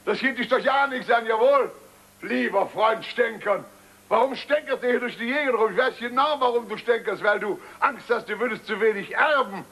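A loud stubborn old-school dad, high bright voice, keeps ranting on repeat. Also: male voice. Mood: blustering. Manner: blustering, repeats himself, quick to shout. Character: blustering factory-owner father, stubborn and boastful. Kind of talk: stage comedy acting.

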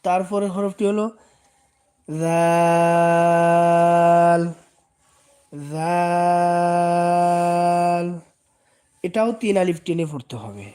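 A man's voice: high-pitched, big pitch swings, fast talker, few pauses, dark tone. A man with a Bangladeshi Bengali accent giving a patient Quran reading lesson, repeating each letter and drawing out its sounds. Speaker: Quran teacher. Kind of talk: slow step-by-step recitation lesson.

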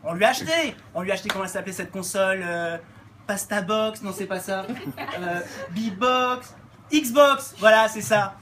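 A woman playing a loud, unhinged middle-aged mother of many kids in a live stand-up sketch, barking orders and rambling with constant fillers. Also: medium pitch, moderate pace, close to an everyday voice. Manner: brash, rambling, barks orders, filler-heavy "hein". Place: comedy club stage. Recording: noisy live club recording.

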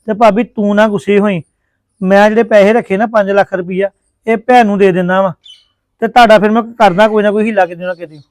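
A man's voice: sits high, steady tone, a little fast, dry recording. A man acting a placating brother-in-law in a family drama. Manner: placating, apologetic.

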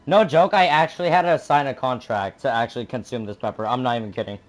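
A man's voice: mid-range voice, fast. A man talking casually and jokingly while doing a spicy food challenge for a vlog. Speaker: vlogger.

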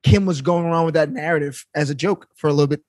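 A man, co-hosting a casual podcast chat, joking and animated. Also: fairly high pitch, fast talker, no echo. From New York, Queens. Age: 30s. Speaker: podcast co-host.

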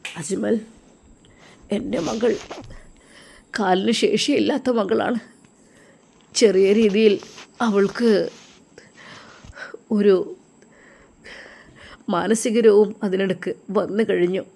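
Woman doing a hushed, tearful old father. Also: fairly even intonation, takes it slowly, gravelly, pauses often, slight background noise. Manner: low, hushed, choked delivery.

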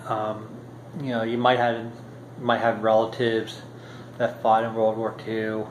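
A man's voice: lowish voice, monotone, a little slow, slight background noise. A man in his thirties, talking unscripted to the camera about history at home, hesitant with many ums and restarts. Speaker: history vlogger. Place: home kitchen indoors. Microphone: built-in camera mic at arm's length. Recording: roomy kitchen echo, faint ambience.

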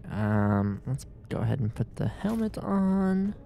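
Slow, gravelly man streaming a game. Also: mid-range voice, very animated, mellow, a little hiss or hum. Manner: sarcastic, swears at game characters. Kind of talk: casual gameplay commentary.

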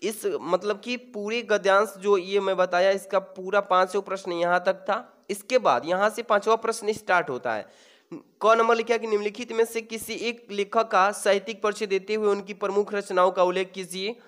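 High-voiced man teaching an exam lesson. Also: fairly even intonation, fairly bright tone. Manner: explains step by step, repeats key words slowly, calls students "babu".

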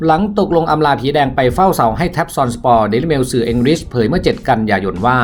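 A man's voice: mid-range voice, quick pace. Man reading football news over music. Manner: steady read-aloud news delivery. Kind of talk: scripted news narration. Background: faint background music.

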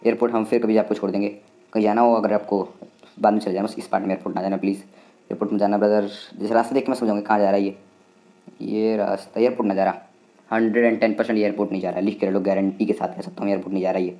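Fast-talking excitable Indian gamer man. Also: fairly low pitch. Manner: excitable, chatty, talks to the game and viewers. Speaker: gaming channel host. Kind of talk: casual game commentary.

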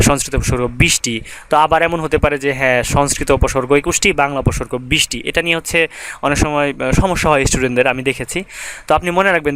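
A man's voice: a little high, fairly bright tone. A young man teaching grammar in a casual, conversational lecture, with many fillers and rhythmic recitation of word lists.

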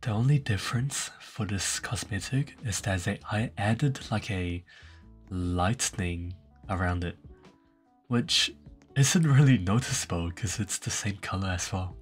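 A man's voice: fairly low pitch, unhurried, slightly rough. A young man casually commenting on game cosmetics, rambling and laid-back with lots of fillers. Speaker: gaming channel host. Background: faint background music.

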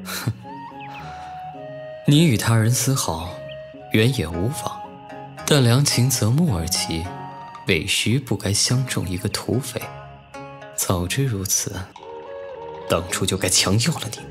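In an ancient-costume audio drama, an actor voices a young nobleman officer who is proud, teasing and wistful, using measured classical phrasing. His voice is on the low side and animated, the mood teasing yet bitter, with music playing behind him. The character is a young adult.

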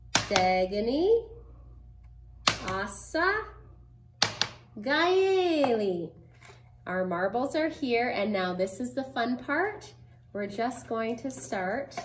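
A woman hosting a children's craft demonstration like a kids show host, asking young viewers simple, encouraging questions. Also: medium pitch. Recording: roomy echo, faint noise.

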